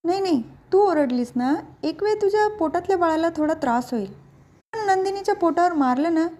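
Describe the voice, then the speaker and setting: A woman's voice: very high voice, expressive, a little fast, warm tone. A woman voicing a scheming, spiteful middle-aged aunt from a family serial, speaking in a mocking, taunting way. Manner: sneering, mocking.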